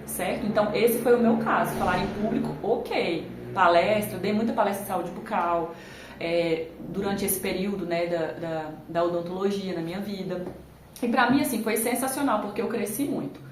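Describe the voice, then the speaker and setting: A woman's voice: medium pitch, normal speed, roomy sound, noisy background. A woman talking casually to viewers in a vlog, recorded on a phone camera. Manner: chatty, conversational, addresses viewers directly. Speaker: YouTuber.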